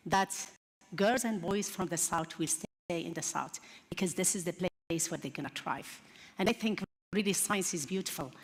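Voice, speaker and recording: A woman giving heartfelt closing remarks at a conference. She is earnest and keeps saying "really". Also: fairly low pitch. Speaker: conference speaker. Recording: long reverb in a large hall.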